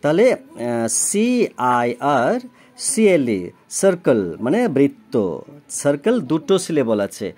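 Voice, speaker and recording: In a recorded homework lesson, a man tutors a child, spelling words out letter by letter, explaining what they mean, and repeatedly asking whether the child understands. His voice is slightly high, sing-song, a bit slow and somewhat mellow.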